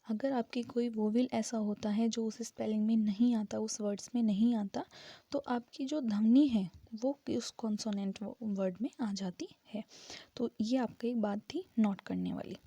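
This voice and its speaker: Woman teacher, casual lesson, husky, mellow, higher voice, dry close sound, breaks words into syllables. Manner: explains step by step, spells out syllables slowly. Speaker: English grammar teacher.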